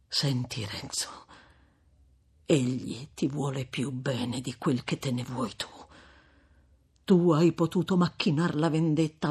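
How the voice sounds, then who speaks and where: A man voicing a stern, fervent old friar in an audiobook reading of a classic novel, thundering rebukes and dropping to grave, hushed pleas. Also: on the high side, slightly rough, exaggerated voice.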